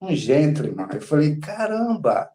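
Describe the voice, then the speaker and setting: A Brazilian man guesting on a podcast tells his story in a rambling, casual way, packed with filler words. His voice is a little high and a little mellow, with a moderate pace and a Brazilian Portuguese accent.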